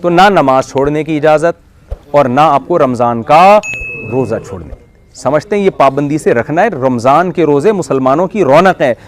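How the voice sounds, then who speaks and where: A man's voice: a little high, normal speed. A man, preaching a conversational sermon full of jokes and rhetorical questions to a community abroad. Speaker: Islamic preacher. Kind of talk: sermon to a congregation.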